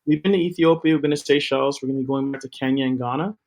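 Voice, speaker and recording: A man's voice: medium pitch, fairly even intonation, very fast, darkish tone. A middle-aged man talks about his work as an interview guest in an upbeat, promotional way, with a few fillers along the way. His voice sits in a mid-range register. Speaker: guest, TV co-founder. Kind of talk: interview talk.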